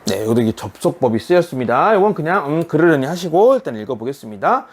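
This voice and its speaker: Lively Korean man teaching Spanish. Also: fairly high pitch, breathy edge. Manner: explains step by step, reads example sentences slowly. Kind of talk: online language lesson.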